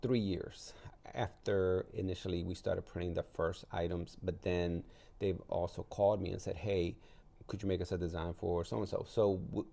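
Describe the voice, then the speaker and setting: A guest from El Salvador, an artist and gallery owner, chats in a casual interview, explaining things informally through anecdotes. His voice is very low and mellow, heavy with gravelly fry, with fairly even intonation and a moderate pace.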